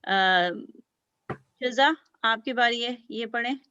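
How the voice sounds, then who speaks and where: A woman's voice: a little high, takes it slowly, sharp tone, smooth, dry recording, lo-fi sound. A woman teaching beginner language to children, patiently sounding out letters and praising often. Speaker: Urdu teacher.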